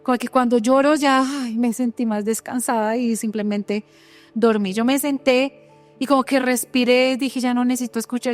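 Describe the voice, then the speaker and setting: A woman preaching a sermon, telling a personal testimony earnestly and putting rhetorical questions to her listeners. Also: high-pitched.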